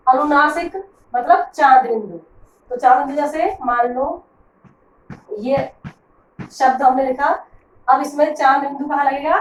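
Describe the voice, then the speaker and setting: A woman's voice: high-pitched, roomy sound, far from the mic, a little hiss or hum, low-quality recording. A woman teacher explaining grammar to pupils, patiently asking questions and answering them herself. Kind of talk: classroom grammar lesson.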